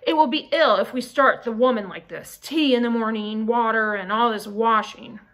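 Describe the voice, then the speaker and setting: A querulous old farmer, stingy and coughing, nags his son about tea and washing water. A woman reads him aloud in a storybook voice with a bright, fairly high tone. He sounds fussy and aggrieved. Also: moderate pace. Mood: scolding. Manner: querulous, complaining.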